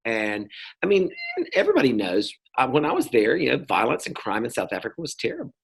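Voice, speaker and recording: A man's voice: medium pitch, wildly swooping pitch, fast talker, vocal fry, husky. A middle-aged man from North Carolina, talking as an interview guest in a rambling, casual way, with many fillers and restarts. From North Carolina, US South. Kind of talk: casual conversation.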